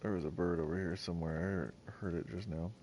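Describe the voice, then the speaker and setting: A man's voice: sits low, fairly even intonation, fast talker, dark tone, a little hiss or hum. A man streaming a game live, breaking into fits of laughter and swearing in disbelief. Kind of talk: live gameplay commentary.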